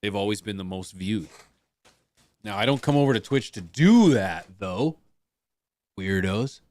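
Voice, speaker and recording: Low-voiced male streamer in loose chat. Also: lively intonation, a little slow, darkish tone, no room sound. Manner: loose, rambling, swearing, with restarts. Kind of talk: casual chat. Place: home streaming setup.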